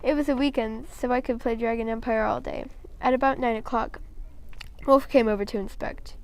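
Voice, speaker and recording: A woman reads a first-person children's story aloud, plain and unhurried, stumbling now and then on a word. Her voice sits slightly high and sounds very smooth and clean. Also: fairly even intonation. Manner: plain storytelling, occasional slips and restarts.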